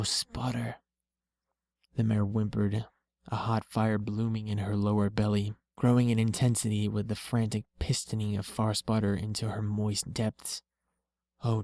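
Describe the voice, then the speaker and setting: Man, story reader, low and steady delivery, dry close sound. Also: no room sound. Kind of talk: scripted story reading.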